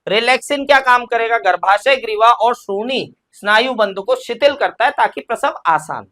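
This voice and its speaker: A man's voice: very high-pitched, animated, normal speed, pushed and bright. Man teaching an exam-prep lesson. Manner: explains step by step, asks and answers his own questions.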